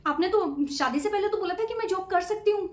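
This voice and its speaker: A woman's voice: very high voice, brisk, heavy background noise. A woman playing a young, educated daughter-in-law who politely argues and pleads to be allowed to take a job. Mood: pleading. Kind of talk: comedy skit acting. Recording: echoey room.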